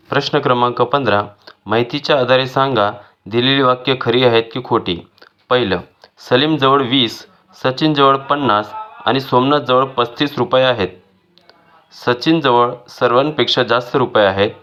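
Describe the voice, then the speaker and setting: A man teaching, reading textbook exercise questions and their answers aloud in a measured, item-by-item way. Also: mid-range voice, fairly bright tone, muffled recording. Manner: measured, listing answers one by one.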